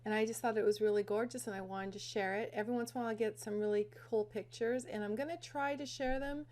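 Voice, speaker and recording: A woman who hosts a soap-making tutorial channel explains informally, step by step, as she works on a casual crafting tutorial. Her slightly high voice is darkish and steady, and she talks fast; the recording has a roomy echo and faint background noise.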